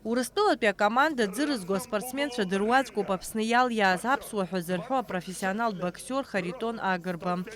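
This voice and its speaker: Mid-pitched sports report narrator. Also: moderate pace, hardly any pauses, a bit bright.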